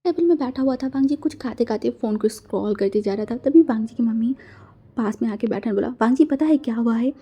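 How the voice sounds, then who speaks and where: A woman's voice: on the high side, fast, mellow, slightly rough. A woman casually retelling a fan-fiction story in a chatty way, slipping in English words.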